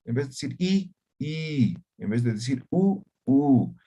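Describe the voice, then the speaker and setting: A man's voice: mid-range voice, animated, brisk, mellow, highs cut off, slight background noise. A man teaching an online language class over a video call, who checks in often with short questions.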